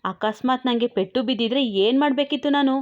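A woman's voice: high-pitched, fairly quick, darkish tone, close to an everyday voice. A woman voicing a brash, teasing young man in a romantic audio story, mocking and bantering. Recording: dull lo-fi recording.

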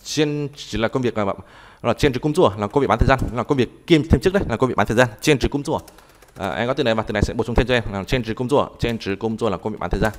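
A man teaching a live online language class, talking haltingly and repeating words as he types and explains. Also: mid-range voice. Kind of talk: live online tutoring session.

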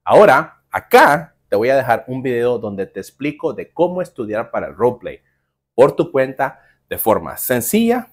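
A male teacher gives an online lesson and talks straight to the viewer. His pitch rises and falls a great deal, and it sits in the middle of the range. He sounds lively and makes playful promises. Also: moderate pace, husky. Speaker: English teacher for call center jobs.

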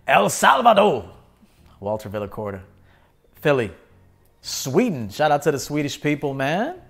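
This live-stream host is a man in his thirties whose voice sits on the high side, swings widely in pitch, and has a creaky edge, moving a little slowly. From a small indoor studio he answers viewer comments in a relaxed way, giving shout-outs to people by name.

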